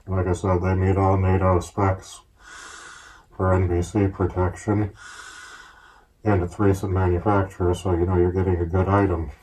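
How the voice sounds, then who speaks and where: A man speaking through a gas mask, explaining gear in a steady, plain-spoken, casual show-and-tell way. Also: low-pitched, normal speed, a little hiss or hum, poor audio. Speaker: collector reviewing military gear.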